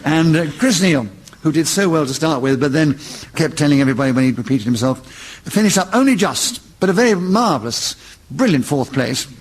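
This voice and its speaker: A man chairing a comedy radio panel game, brisk and genial, often chuckling as he gives out points. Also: a little high, expressive. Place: radio studio with live audience.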